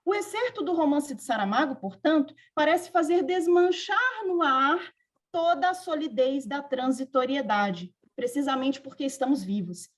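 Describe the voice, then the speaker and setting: Woman with a high voice, measured academic reader presenting a paper on a video call. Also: animated. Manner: measured, reflective delivery with literary quotations. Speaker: presenter at a psychoanalysis seminar. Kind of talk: reading an academic paper aloud.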